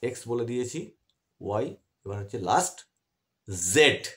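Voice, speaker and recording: A man's voice: medium pitch, moderate pace, a bit bright. A man teaching English grammar in an online class, explaining patiently and asking his students questions as he goes.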